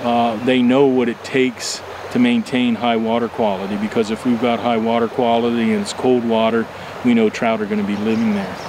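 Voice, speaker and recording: Older man, 60s, fly fishing instructor, measured explanations, frequent fillers, lapel mic, outdoors by a stream, clear background noise. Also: mid-range voice, level tone. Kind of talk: interview answers.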